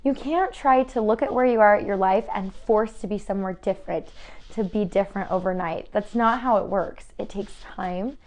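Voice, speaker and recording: Casting note: young woman, bubbly and chatty, casual home vlogger, warm faith talk. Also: medium pitch. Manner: bubbly and chatty, with frequent "like" and laughs. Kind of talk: casual faith-based vlog chat. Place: new family home.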